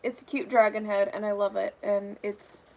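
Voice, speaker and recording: A woman's voice: medium pitch, level tone, normal speed, gravelly, darkish tone. A young woman livestreaming her craft work, chatting casually with viewers and answering comments, her voice tired from talking. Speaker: livestreamer making fursuits.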